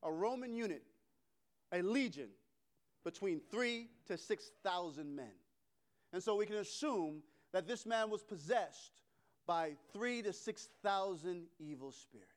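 Male preacher, high and animated pitch, dramatic loud-to-hushed swings, repetitive rhetorical cadence. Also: measured pace. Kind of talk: sermon.

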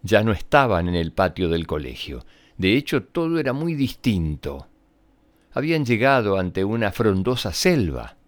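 A man's voice: on the low side, very animated, normal speed. A man hosting a children's story programme, speaking expressively to young listeners as he reads scripted tales. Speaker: children's storyteller and show host. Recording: roomy echo, music behind.

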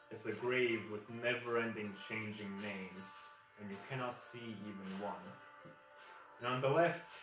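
A man's voice: on the low side, a bit bright. A man narrating as game master of a tabletop game, in a loose, hesitant manner full of fillers. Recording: echoey room, distant mic, faint music.

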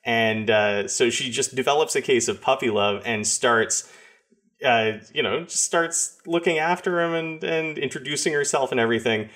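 Man, game master, casual recap, relaxed, lots of ums and likes. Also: mid-range voice, moderate pace. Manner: relaxed, many fillers.

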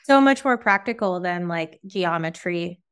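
A woman's voice: lowish voice, expressive, a little slow, a bit bright, smooth. A woman hosting a podcast, chatty and curious, asking questions in a casual style with lots of "like"s. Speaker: podcast host.

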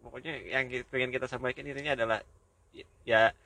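Guy telling travel stories on a podcast, bright voice, laid-back and a bit crude. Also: mid-range voice, fast talker, no echo. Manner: relaxed storytelling, swears casually. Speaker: podcast co-host. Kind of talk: casual chat.

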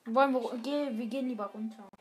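A woman hosting a gaming channel, chatting casually over gameplay and breaking into loud exclamations. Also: a little high, fast talker, a little hiss or hum. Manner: excitable, frequent loud exclamations.

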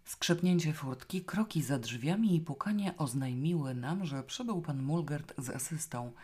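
A woman reading a novel aloud in the first person, with a wry, lively storytelling manner. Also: sits low, moderate pace, breathy edge. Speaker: audiobook reader. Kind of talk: scripted first-person narration.

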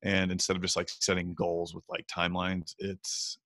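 A man's voice: sits low, monotone, moderate pace, pushed and bright, dry recording, clean studio sound. A man in his thirties, a podcast guest, telling stories in a rambling way with lots of fillers and restarts. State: hiccups. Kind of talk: casual interview chat.

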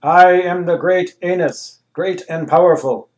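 A man performs a pompous, booming talking anus, a tyrant in a comic story who thunders slow, grandiose commands like a ruler. His voice is high, steady and a little mellow, pushed up from his normal register.

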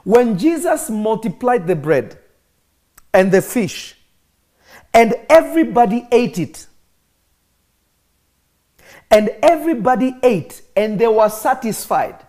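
Emphatic preacher. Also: male voice, extremely high pitch, big pitch swings, slow, long pauses, warm tone. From Kenya. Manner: emphatic, repeats phrases for effect. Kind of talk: live-streamed sermon teaching.

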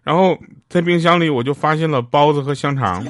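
A man's voice: a little high, fairly quick, a bit bright, no room sound, clean studio sound. A man telling a string of short funny anecdotes in a chatty way, often laughing at his own punchlines. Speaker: comedic storyteller. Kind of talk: comedic storytelling monologue.

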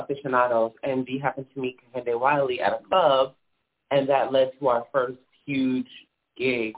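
Animated man guest on a phone-like line. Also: medium pitch. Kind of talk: casual interview chat.

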